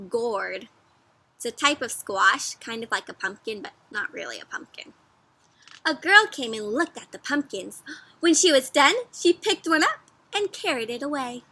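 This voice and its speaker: In a fairly high voice, a woman reads an interactive picture book to small children, playful and instructive, regularly stopping to quiz her audience.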